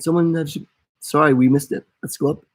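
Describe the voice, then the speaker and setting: Husky-voiced young man co-hosting a live stream. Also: on the high side, fairly quick, dry recording. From United States. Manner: relaxed, joking, reads viewer comments aloud. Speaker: co-host of a travel channel. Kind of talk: casual live-stream chat.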